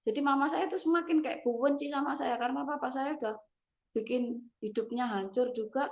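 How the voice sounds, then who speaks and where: Halting woman, fairly high voice. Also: lo-fi sound. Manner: halting, emotional, frequent "gitu loh". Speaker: testimony giver. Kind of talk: personal testimony.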